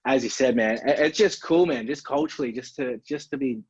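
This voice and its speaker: This man, an Australian podcast guest, talks fairly quickly in a medium-pitched voice with a breathy edge. His chat is easygoing and peppered with "man" and "like." The recording is dull, lo-fi, dry and echo-free.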